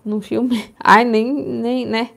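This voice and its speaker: A woman's voice: fairly high pitch, little pitch movement, slow, creaky, fairly bright tone. A woman hosting a casual coloring livestream, chatting to viewers and explaining which pencils she is using. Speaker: livestream host coloring a book.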